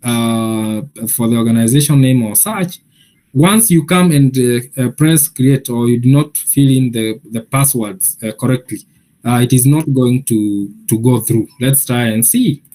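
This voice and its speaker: A man giving a software training session, explaining each step patiently with many pauses and filler sounds. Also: medium pitch, poor audio. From Kenya.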